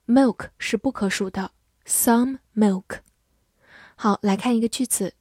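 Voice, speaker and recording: A woman teaching English vocabulary, slowly drilling each word and sentence aloud. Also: fairly high pitch, a little mellow, husky, no room sound, studio quality. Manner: slow, careful drilling of English words. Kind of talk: vocabulary lesson.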